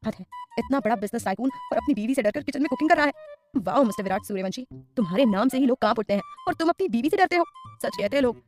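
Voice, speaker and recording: A woman's voice: on the high side, expressive, rapid-fire, soft background music, lightly acted. A woman voicing a proud young businessman husband who mutters and complains in a storybook reading. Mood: grumbling.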